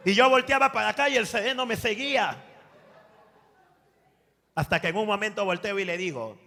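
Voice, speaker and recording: A man in his forties with a Peruvian accent gives a lively sermon testimony, acting out dialogue and calling listeners brother. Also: sits high, moderate pace, creaky, in a large hall. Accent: Peruvian Spanish. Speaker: preacher giving testimony.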